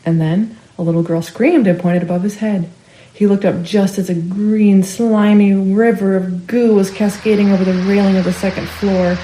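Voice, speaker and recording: A woman storyteller reading a family ghost story aloud, expressive and rising with the action. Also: lowish voice, echoey room, low-quality recording. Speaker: storyteller for a library. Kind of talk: scripted ghost story narration.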